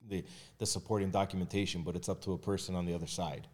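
A man with a very low voice talks things through in an easy podcast chat. He is candid and relaxed, and he often restarts his sentences and fills the gaps with "uh" and "you know.". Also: fast. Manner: candid, conversational, with frequent fillers and restarts. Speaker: mortgage agent and realtor guest. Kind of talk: casual podcast conversation.

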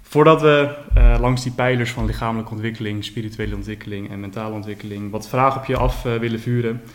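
A man hosting a podcast, introducing the guest and then asking questions in a halting way. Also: on the low side, steady tone. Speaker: podcast host. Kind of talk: podcast interview.

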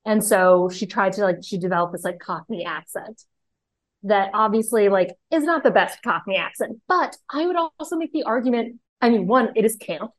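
A woman's voice: mid-range voice, moderate pace, no echo. Chatty young woman, dry sound. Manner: rambling, full of "like" fillers. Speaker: podcast co-host. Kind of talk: casual chat.

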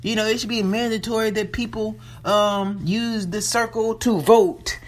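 A man putting on a higher voice to play a persuasive female spokeswoman for a tech company, pitching ideas through a phone mic. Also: steady tone, measured pace. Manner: pitched-up mock voice for a woman, pushy sales pitch. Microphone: phone held in hand.

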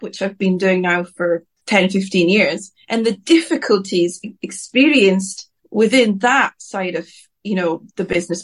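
A Scottish singer-songwriter in her thirties with a mid-range voice answers interview questions. She's outspoken and rambling, frequently breaking off and starting her sentences again.

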